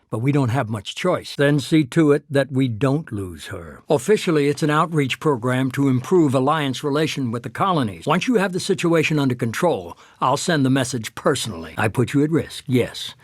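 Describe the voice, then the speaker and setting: A husky middle-aged man who leads a shadowy organization in a sci-fi video game. He speaks with cool, measured authority at a medium pitch, persuasive and calculating. The sound is dry, with no room around it. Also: no room sound. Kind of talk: cinematic video game dialogue.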